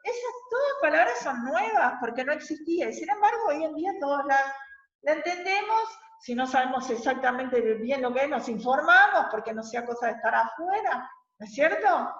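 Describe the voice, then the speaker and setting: High-voiced woman teaching a class. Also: animated, moderate pace, a bit bright. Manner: explanatory, checks in with "¿tá?". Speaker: language teacher. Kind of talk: classroom lecture. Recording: echoey lo-fi classroom recording.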